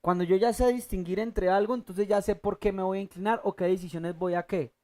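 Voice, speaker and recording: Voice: medium pitch, steady tone, darkish tone. Preacher quizzing the congregation mid-sermon. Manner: asks the congregation fill-in questions, repeats key words slowly; halting restarts, thinking aloud. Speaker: preacher teaching a Bible class. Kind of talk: church teaching sermon.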